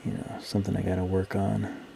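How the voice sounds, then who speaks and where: Low mellow guy on a livestream, kinda mumbling his thoughts as he works, noisy background. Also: monotone, fairly quick. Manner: muttering to himself, thinking aloud in trailing fragments. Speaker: live streamer, digital artist. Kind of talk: casual live-stream commentary while working. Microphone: close microphone. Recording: clear background noise.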